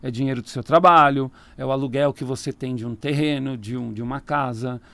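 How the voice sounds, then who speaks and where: In a radio studio, a tarot reader with a Brazilian Portuguese accent chats casually as an interview guest, explaining at length and laughing easily. His medium-pitched voice is gravelly, bright and forceful, with a steady tone and slightly fast pace, and there's no room sound.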